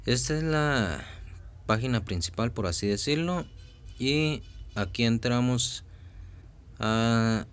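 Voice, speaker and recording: Man, low-ish voice, unhurried hesitant walkthrough voice-over. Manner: slow, hesitant, many fillers and restarts. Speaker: vlogger walking through a website. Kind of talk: casual screen-recording walkthrough.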